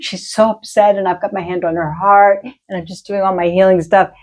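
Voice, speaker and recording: A woman's voice: medium pitch, fairly even intonation, fairly quick. A middle-aged woman, a healer and medium, chatting and telling stories, acting out the voices she quotes. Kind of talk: casual chat, storytelling.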